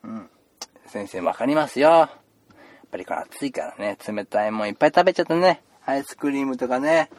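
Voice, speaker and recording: A man's voice: mid-range voice, expressive, fairly quick, dry recording, close to an everyday voice. A man playing a chatty male doctor who rambles with puns and mock-stern scolding, in an improvised comedy role-play. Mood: playful. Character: chatty joking male doctor seeing patients.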